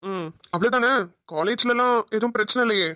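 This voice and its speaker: A woman's voice: on the high side, a little fast, sharp tone, no room sound, studio quality. A woman voicing a protective young husband in a cartoon, teasing his wife with affectionate ribbing. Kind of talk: cartoon voice acting.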